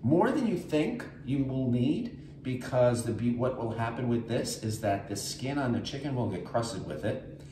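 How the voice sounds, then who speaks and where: In an animated, mid-range voice at normal speed, an older man from New York chats his way through a casual cooking demo in his home kitchen. He rambles and slips in health-focused comments, and the kitchen recording has echo and noise.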